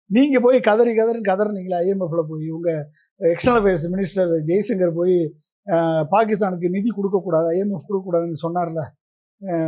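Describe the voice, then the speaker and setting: A man's voice: high voice, dark tone, dull audio. A man giving a political interview as the guest, pressing his case with a stream of combative rhetorical questions.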